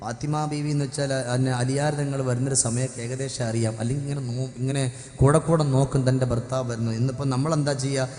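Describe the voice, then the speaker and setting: A man preaching an emotional sermon, telling a story with passion and moving between hushed lines and loud, wailing cries. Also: mid-range voice, steady tone, fast talker. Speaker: Islamic preacher. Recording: echoey hall with music underneath.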